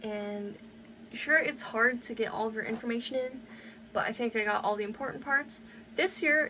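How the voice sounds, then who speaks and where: A woman's voice: a little high, sharp tone. Chatty woman vlogging from a distance. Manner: chatty, rambling, fills with "like" and "um". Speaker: cosplayer showing a build book. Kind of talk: casual how-to vlog. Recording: voice a bit off-mic with faint background noise.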